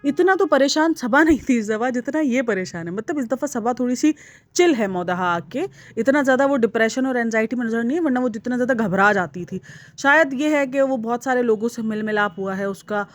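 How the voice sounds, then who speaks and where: A woman's voice: on the high side, brisk. A young woman talking casually and with strong opinions as she comments on online vlogs. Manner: opinionated, chatty, animated. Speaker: vlog commentator.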